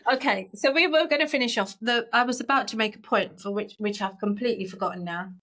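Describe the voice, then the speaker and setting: Her pitch is fairly high and her pace brisk as she co-hosts a podcast about coaching. She lays out ideas with earnest, easygoing conversation, frequently starting sentences over.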